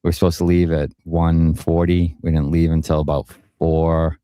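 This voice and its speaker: A man's voice: a bass voice, flat delivery, normal speed, warm tone, smooth, dry recording, studio quality. A man co-hosting a casual sports podcast, telling stories in a laid-back, profane way. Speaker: podcast co-host.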